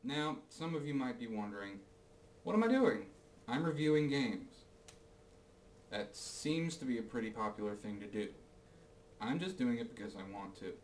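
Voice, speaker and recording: A man hosting a casual game review, speaking with a box over his head in halting short phrases with asides. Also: mid-range voice, animated, a little mellow, reverberant, distant mic, a little hiss or hum, rough recording. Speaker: game reviewer and host of the show. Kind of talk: casual scripted-style game review to camera and over gameplay.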